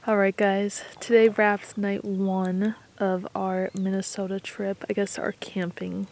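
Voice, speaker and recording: A woman's voice: mid-range voice, little pitch movement, a little slow, a little mellow. A woman giving a casual vlog update outdoors at a campsite by a campfire. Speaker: hunting vlogger.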